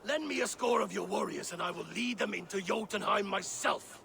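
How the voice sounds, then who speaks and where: A man playing a boisterous, battle-hungry thunder god in a video game, gruff, gravelly and impatient. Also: high-pitched, brisk, sharp tone, slight background noise, full character voice. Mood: impatient, scornful. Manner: blustering, impatient. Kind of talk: dramatic video game acting.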